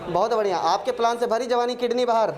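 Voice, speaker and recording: A man's voice: very high voice, fast. A male maths teacher giving a classroom lecture, working sums aloud and joking and teasing with his students. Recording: crowd of students audible.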